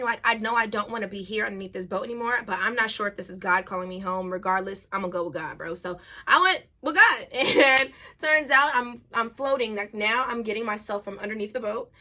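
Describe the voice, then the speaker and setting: A young woman casually telling a personal story to her viewers, animated and chatty, laughing now and then. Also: mid-range voice. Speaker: vlogger.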